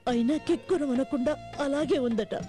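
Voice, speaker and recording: A woman's voice: sits high, normal speed, dark tone, faint music behind, lightly acted. An actress playing a meek, aggrieved middle-aged wife who laments her lot, in a film comedy scene. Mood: plaintive. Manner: plaintive, lamenting.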